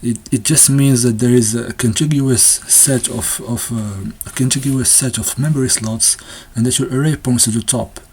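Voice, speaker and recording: A man explaining a textbook's ideas in a casual unscripted talk, halting often with restarts and fillers and sometimes laughing nervously. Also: medium pitch, steady tone, a little mellow, slight background noise. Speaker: presenter discussing a textbook.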